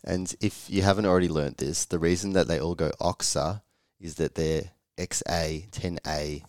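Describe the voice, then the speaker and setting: A man with an extremely deep voice that croaks hoarsely as he talks. He co-hosts a relaxed educational discussion, and the sound is dry with very little room on it. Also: moderate pace, no echo. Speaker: podcast co-host on medical teaching.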